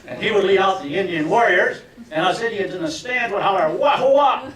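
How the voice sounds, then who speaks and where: A man in his seventies doing a stand-up routine for fellow alumni, telling tongue-in-cheek stories with deadpan punchlines. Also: high voice, brisk, distant mic. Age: 70s. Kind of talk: stand-up comedy. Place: reunion event hall with audience. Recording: echoey room miked from afar, crowd laughter.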